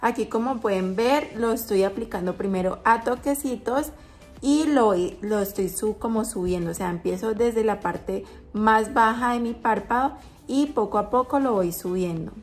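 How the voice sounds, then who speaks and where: A woman's voice: fairly high pitch, normal speed, faint music behind. A woman vlogger talking through a makeup tutorial, chatty and explaining each step as she goes.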